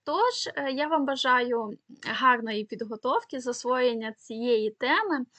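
A woman teacher with a Ukrainian accent explains exam material step by step, often pausing with fillers and checking in with the class. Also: high voice, expressive, a bit bright, dry recording. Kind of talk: exam-prep lesson.

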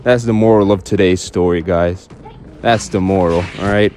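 A man's voice: low voice, steady tone, moderate pace, a little mellow, slight background noise. A young man giving rambling, joking commentary over a game, stammering often and swearing casually. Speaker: gaming YouTuber.

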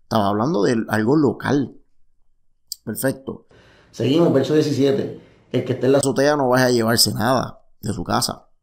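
A man teaching a casual Bible study, reading verses aloud and explaining them with lively, repetitive asides. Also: mid-range voice, normal speed, vocal fry.

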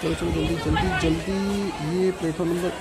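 A man giving live, brisk commentary on a train journey, full of times and train details, filmed on a phone aboard the train and on a railway platform outdoors. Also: a little high, little pitch movement, vocal fry, over a noisy crowd. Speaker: train travel vlogger. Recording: loud train and outdoor noise.

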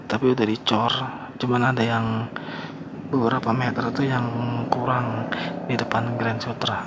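Slangy young man narrating a motorbike ride. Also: mid-range voice. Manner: slangy, relaxed, talks to viewers. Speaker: motovlogger. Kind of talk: casual riding commentary. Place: riding a motorbike on town streets outdoors. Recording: traffic and wind noise.

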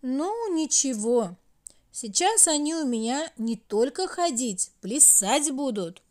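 Woman doing storybook may, cheerful young guy, smiling, high, slow. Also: very animated, a little mellow, exaggerated voice. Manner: smiling, breezy.

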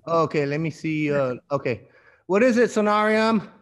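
A man's voice: a little high, animated, moderate pace. A man working as a martial arts instructor, explaining technique as he demonstrates and often checking that he is understood. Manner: physically demonstrating moves while talking. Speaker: martial arts instructor, jiu-jitsu coach. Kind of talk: hands-on technique instruction over video class. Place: large gym hall with mats, indoors. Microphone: video call, device a few metres away. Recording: dull lo-fi video-call audio.

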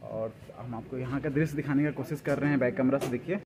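Talking fast at medium pitch with fairly even intonation, a young man vlogs his train journey and a railway station on a phone camera held at arm's length. He chats to the camera, repeatedly addressing viewers as friends, over loud noise from the moving train and then the busy station outside.

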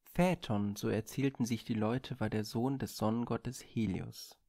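A man reading a Greek myth aloud in a measured, expressive storybook manner on a studio microphone. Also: medium pitch, vocal fry, dry recording.

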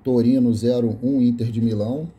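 A man's voice: medium pitch, steady tone, normal speed, dark tone, husky. A Brazilian man filming his VHS tape collection indoors and reading the labels aloud in a casual, list-like way, correcting himself as he goes. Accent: Brazilian Portuguese. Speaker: video host showing a collection of VHS tapes. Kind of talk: casual off-camera commentary. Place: small room indoors.

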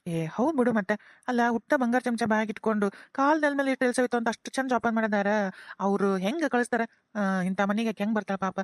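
In cartoon voice acting, a woman with a slightly high voice speaks fast, playing an earnest, guilt-ridden young son with a North Karnataka accent who pleads with his parents. The performance is lightly acted, with clean, echo-free studio sound.

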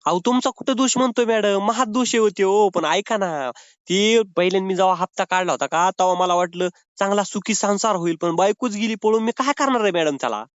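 A man's voice: high-pitched, fairly quick, smooth, no room sound. A man making a comic prank phone call, pleading and whining in a mock-sobbing way. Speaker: prank caller.

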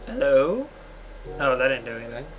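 A man's voice: mid-range voice, big pitch swings, normal speed, muffled recording. A man hosting a casual game playthrough, joking and often exclaiming at what happens. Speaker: host. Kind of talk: casual gameplay commentary. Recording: background music clearly audible.

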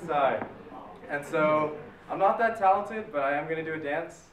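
A young man talking casually at an open mic, halting and full of fillers, with a self-deprecating manner. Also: a little high, noisy background. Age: young adult. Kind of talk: casual stage talk. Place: large lecture hall stage. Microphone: far camera in the audience. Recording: roomy hall from far off with loud crowd. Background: audience chatter.

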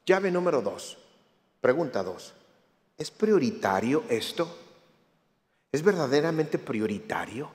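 A man giving a lively church talk, a jokey storyteller who acts out other people's lines. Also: medium pitch, slow pace, pauses often. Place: church hall. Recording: reverberant hall.

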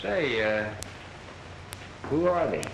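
An easygoing cowboy scout in a forties western film. He talks plainly and folksily, with very varied pitch. There is faint soundtrack noise. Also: very animated, slow, gravelly, heavily acted, low-quality recording. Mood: easygoing, explaining. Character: easygoing cowboy scout humoring his old relative. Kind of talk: 1940s western film acting.

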